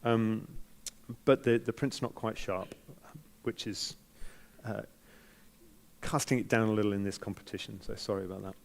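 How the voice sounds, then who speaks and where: Here a New Zealand man gives unrehearsed remarks as a competition judge, measured and hesitant, taking the edge off his critical points. His voice is lowish and creaky, with fairly even intonation.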